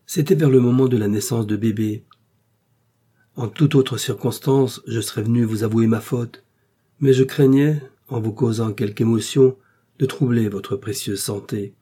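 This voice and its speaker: Charming, pleading young husband in a storybook reading, a man's voice, mellow and husky. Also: medium pitch, fairly even intonation, moderate pace, lightly acted. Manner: coaxing, playful.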